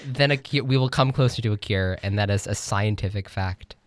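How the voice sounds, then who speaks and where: A man's voice: fairly low pitch, fairly quick, no room sound, clean studio sound. A man co-hosting a comedic radio show, making wry, teasing interjections. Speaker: co-host.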